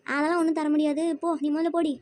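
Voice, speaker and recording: A woman's voice: high-pitched, flat delivery, natural voice. [name], a woman playing a snobbish rich schoolgirl. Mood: scornful. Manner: sharp, dismissive, quick talk. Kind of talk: church kids' skit acting.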